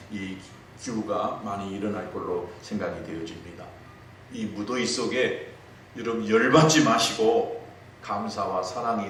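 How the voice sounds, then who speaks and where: A male pastor preaching a sermon in a church, telling stories in a lively way. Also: on the low side. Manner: storytelling, lively. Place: church sanctuary. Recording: echoey hall, distant mic, faint noise.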